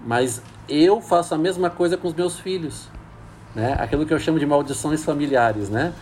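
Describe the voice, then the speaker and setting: A man's voice: a little high, normal speed, a little mellow, a little hiss or hum. A man, a priest speaking in a thoughtful, hesitant way with many fillers. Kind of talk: casual reflective talk.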